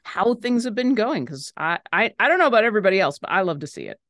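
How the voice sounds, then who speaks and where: A woman's voice: medium pitch, big pitch swings, quick pace, a bit bright, dry recording, studio quality. A woman co-hosting and learning on a painting live stream, bubbly and thinking aloud as she chats. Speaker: co-host and painting student. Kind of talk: casual live stream chat.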